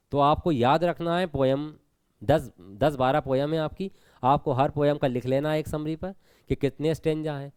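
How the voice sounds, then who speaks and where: A man's voice: on the high side, darkish tone, smooth, dry recording. A man teaching an exam preparation lesson with a Hindi accent, explaining step by step and asking students questions. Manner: explanatory, repeats points, asks students questions.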